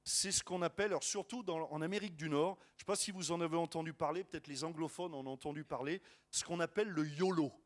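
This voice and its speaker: A man preaching a sermon as a pastor, lively and joking, with many restarts and asides to the congregation. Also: on the high side, quick pace.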